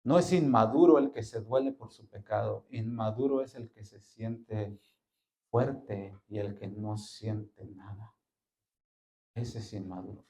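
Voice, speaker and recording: Male pastor delivering a sermon; mid-range voice, sudden loud rises, slowed emphatic phrasing, rhetorical questions to the congregation. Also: medium pitch. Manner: asks the listener rhetorical questions.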